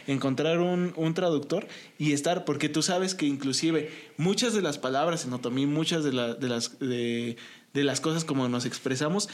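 Male co-host, Mexican Spanish accent, slightly high voice, casual and slangy. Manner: lively, slangy, thinks aloud. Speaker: podcast co-host. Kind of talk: casual podcast chat.

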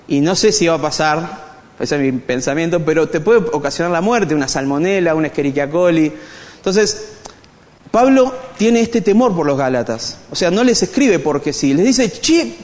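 Male Bible study teacher, Rioplatense accent, higher voice, animated and joking, long hall reverb. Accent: Rioplatense Spanish. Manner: animated, joking, addresses the audience directly. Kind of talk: conversational church teaching.

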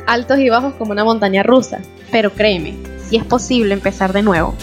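A woman's voice: medium pitch, brisk, soft background music. A Venezuelan woman with a Venezuelan Spanish accent, earnestly introducing her podcast in a personal, conversational way. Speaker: podcast host.

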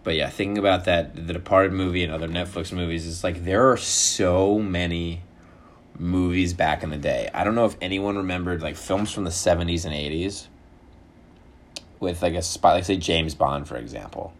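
A young man with a notably deep voice rambles to camera at home. He talks loosely, curses often and drifts from topic to topic. His delivery stays relaxed and unscripted. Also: normal speed. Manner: loose, swearing, jumps into silly put-on voices. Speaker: vlogger. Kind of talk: casual rambling monologue.

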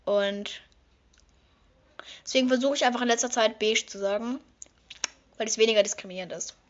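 Chatty teenage girl, lo-fi recording. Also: fairly quick. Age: teens. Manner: chatty, bursts into high excited squeals. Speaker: vlogger. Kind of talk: casual makeup vlog chat.

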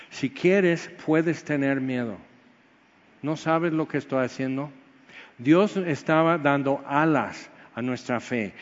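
A man preaching a sermon, telling a personal story with feeling and acting out voices. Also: a little high. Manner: storytelling, emotional, acts out quoted voices. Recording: dull sound with long hall reverb.

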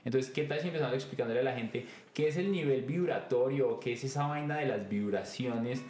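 A man's voice: medium pitch, brisk, darkish tone, faint music behind. A man hosting a podcast, telling stories animatedly and acting out bits of dialogue. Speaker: podcast host. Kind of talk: conversational podcast talk. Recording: echoey room.

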